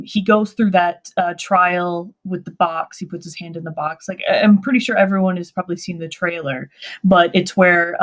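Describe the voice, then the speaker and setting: A woman hosting a casual book discussion, chatty and hesitant, with many fillers as she recalls chapters. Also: lowish voice. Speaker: host.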